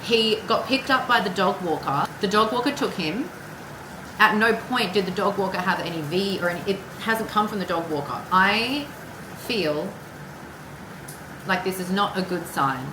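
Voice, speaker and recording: Here a female tarot card reader, medium in pitch and moderate in pace, drifts casually through a reading with side remarks about herself and a swear word here and there. Clear background noise and room echo are audible.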